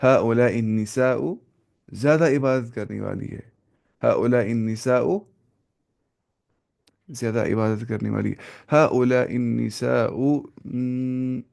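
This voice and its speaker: A man teaching an Arabic grammar class, slowly repeating word forms and correcting himself as he goes. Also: medium pitch, creaky, darkish tone. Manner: slow and repetitive, drilling word forms with self-corrections.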